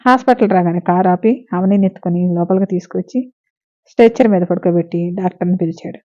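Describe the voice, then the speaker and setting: A woman storyteller narrating a serialized romance story in a steady reading voice. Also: on the low side, fast talker. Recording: narrow phone-like lo-fi sound.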